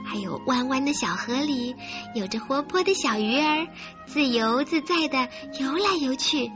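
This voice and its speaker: A woman hosting a children's story programme, talking directly to young listeners in an expressive, coaxing storyteller's way. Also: high voice, moderate pace. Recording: muffled recording with faint music.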